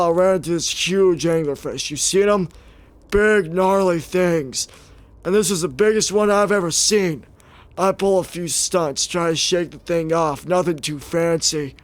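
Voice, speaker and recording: A man voicing a gruff old male space explorer who tells a drawling, folksy story in a rough, strained old-man voice. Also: high voice.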